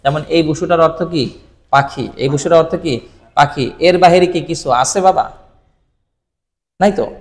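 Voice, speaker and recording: A man's voice: fairly high pitch, normal speed, long pauses. Bengali-speaking man teaching, echoing room. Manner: asks questions then answers them himself; frequent "thik ache?" check-ins to the viewer. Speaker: Japanese language teacher. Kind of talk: casual explanatory lesson.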